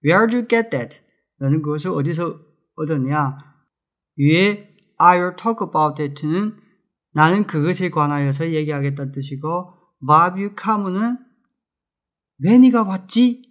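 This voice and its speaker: Korean male English teacher, high voice, drills phrases slowly and with emphasis. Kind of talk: spoken English lesson.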